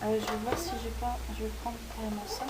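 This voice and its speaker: A woman's voice: fairly high pitch, fast. Woman explaining crafts over a hissy recording. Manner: hesitant, frequent "euh" fillers while working. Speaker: craft tutorial host. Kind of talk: step-by-step demonstration. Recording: steady tape-like hiss.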